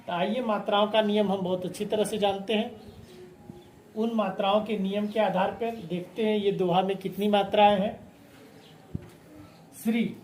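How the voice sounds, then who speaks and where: A man's voice: high-pitched, darkish tone, a little hiss or hum. A man teaching a lesson, explaining patiently and counting syllables aloud one by one. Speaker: Hindi teacher. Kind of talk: classroom lesson on poetic meter. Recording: echoey room with faint ambience.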